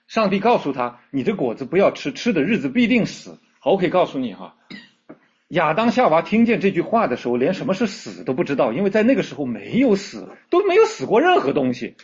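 A male pastor preaches to his congregation in earnest, asking question after question and stumbling over repeated words. His voice is husky and a little high, and it rises and falls a great deal. The recording sounds dull and lo-fi. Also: darkish tone. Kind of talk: sermon. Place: church hall with congregation.

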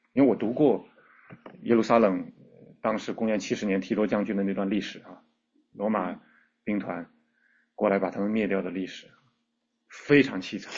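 A male pastor preaches to his congregation in earnest, asking question after question and stumbling over repeated words. His voice is husky and a little high, and it rises and falls a great deal. The recording sounds dull and lo-fi. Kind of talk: sermon. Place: church hall with congregation.

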